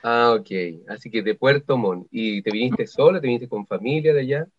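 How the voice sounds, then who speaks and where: A man presents a university radio interview in a chatty, upbeat way. His voice sits at an ordinary pitch for a man. The recording is a little dull and lo-fi. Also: moderate pace. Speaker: radio host. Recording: slightly dull lo-fi sound.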